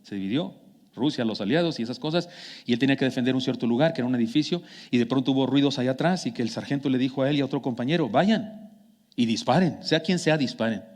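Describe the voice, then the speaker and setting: A man with a Mexican accent preaching a sermon as a pastor, telling stories in a conversational way that swings from hushed to emphatic. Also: medium pitch, very fast. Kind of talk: sermon with personal storytelling. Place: church sanctuary. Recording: long church hall reverb.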